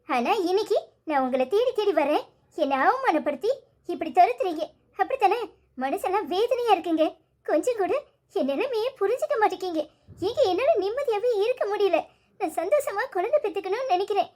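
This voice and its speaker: A hurt, pleading young wife in a cartoon story, voiced by a woman. She sits very high and thin in pitch and keeps pressing her husband with reproachful questions. Her tone stays wounded and insistent. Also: a little mellow.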